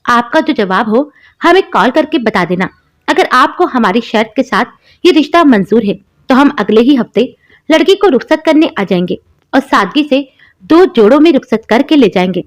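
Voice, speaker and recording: A woman's voice: fairly high pitch, lively intonation, normal speed, close to an everyday voice. A woman voicing a stern prospective mother-in-law who sets blunt terms in a cartoon story. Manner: blunt, demanding.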